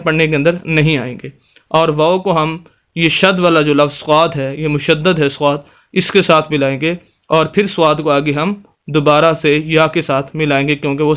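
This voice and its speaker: A man teaching Quran reading in a step-by-step recitation lesson, patiently explaining and then slowly spelling out letters and vowel marks. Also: fairly high pitch, fairly bright tone. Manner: patient explanatory tone, addresses viewers politely.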